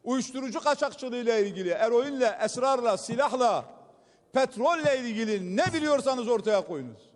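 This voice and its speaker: High-voiced man orating at a podium microphone. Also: lively intonation, normal speed. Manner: combative, accusatory, repeats "dear friends" to the hall. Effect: speaking at a podium microphone. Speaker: member of parliament giving a speech. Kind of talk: political speech from the podium. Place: large parliamentary assembly hall. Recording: long reverb of a large hall.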